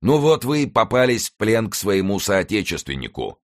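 A man voicing a bold, quick-witted young musketeer in a novel reading, speaking loud and brash. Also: on the low side, very animated, voice pushed up. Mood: mocking boast.

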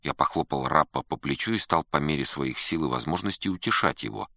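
A man reading a story aloud, calm and measured. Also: a bass voice, dry recording, clean studio sound. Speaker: narrator. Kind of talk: audiobook narration.

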